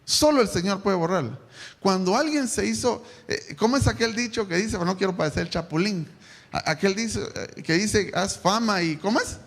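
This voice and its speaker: A man preaching a sermon to his congregation, animated, asking them questions and bursting into shouts. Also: high voice, normal speed. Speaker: pastor. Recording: echoey church hall, live stream.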